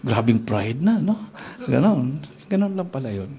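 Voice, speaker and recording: A man preaching at a church worship service, telling stories in an animated way and acting out the dialogue. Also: medium pitch, moderate pace. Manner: animated storyteller who acts out dialogue. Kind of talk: storytelling sermon.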